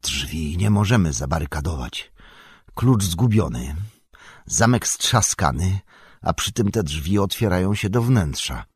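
A man's voice: low voice, animated, unhurried, husky, dry recording, clean studio sound, exaggerated voice. A man voicing a bold warrior who gives urgent orders in an audiobook reading. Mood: tense.

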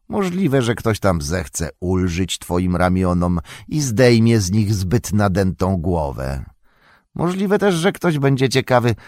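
A sly, vicious orc, as a male narrator acts him out, sneering and mocking with a smoother, less brutish tone than the others. His voice swoops from low menace to high taunting, all recorded dry and close for a storybook reading. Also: no room sound, heavily acted. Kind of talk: audiobook character voice.

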